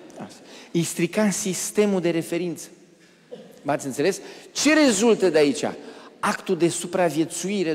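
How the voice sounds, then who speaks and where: Male lecturer, storyteller type, acts out quotes, slightly high voice, reverberant hall. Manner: animated anecdotes, acts out quoted characters. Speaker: speaker giving a public lecture.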